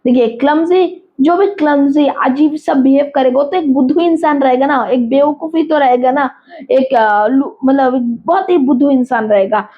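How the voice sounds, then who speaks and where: Woman teacher, high voice, repeats and checks understanding, lo-fi lesson recording. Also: moderate pace. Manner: explains words with everyday examples, repeats terms, asks rhetorical checks. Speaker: English teacher. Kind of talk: exam-prep vocabulary lesson. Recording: slightly dull lo-fi audio.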